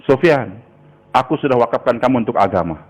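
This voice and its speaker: A firm, steadfast mother speaks with quiet resolve, quoted by an older male preacher. The voice stays at an ordinary middle pitch, much like his own. She sounds determined and unbending. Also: lively intonation, fairly quick, lo-fi sound, natural voice. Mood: resolute. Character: steadfast widowed mother sending her son away.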